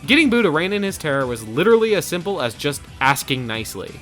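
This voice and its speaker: A man's voice: on the high side, very animated, fast talker, a bit bright. A man delivering scripted narration for a versus show in a dramatic, theatrical storytelling manner. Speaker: show co-host. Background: faint background music.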